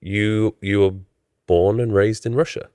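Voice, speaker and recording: A man's voice: on the low side, fairly even intonation, measured pace, a little mellow, clean tone, dry recording. A man hosting a podcast in casual interview chat, teasing and jokey, often laughing. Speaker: podcast host.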